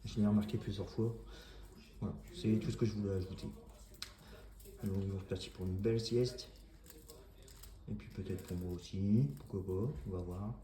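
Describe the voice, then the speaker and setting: Low-voiced man chatting in an echoey room. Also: steady tone, normal speed, long pauses, dark tone. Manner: hesitant, many fillers and restarts. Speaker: dog breeder. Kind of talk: casual talk to camera.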